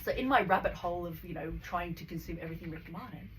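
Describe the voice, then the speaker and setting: A woman's voice: on the low side, fast talker, fairly bright tone. Australian woman podcast host, effusive, filler-heavy; recorded off-mic with light background noise. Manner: gushing, rambling, heavy on fillers. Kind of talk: casual chat, guest introduction. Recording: distant mic, faint noise.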